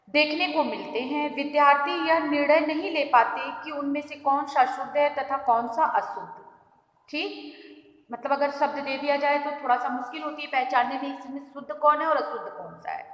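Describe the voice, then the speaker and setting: A woman teacher giving a grammar lesson, explaining slowly, repeating examples and speaking to the children. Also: high-pitched, fairly bright tone. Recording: echoey room with long reverb.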